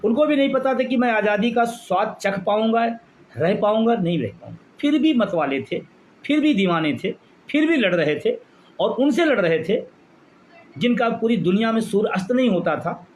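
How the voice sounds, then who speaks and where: A man's voice: high-pitched, lively intonation, normal speed. A man leading a pension movement, giving an impassioned rally speech full of repeated phrases for emphasis.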